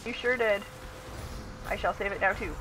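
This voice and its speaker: A woman streaming a team game, chatting casually with friends, playful and goofy, often laughing and shouting. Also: medium pitch, steady tone, moderate pace, a little hiss or hum. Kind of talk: casual gaming chat with friends.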